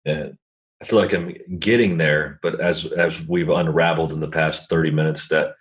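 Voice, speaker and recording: A man's voice: extremely low pitch, steady tone, moderate pace. A man hosting a podcast, chatting in a laid-back, easygoing way and laughing easily. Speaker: podcast host. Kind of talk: casual interview chat.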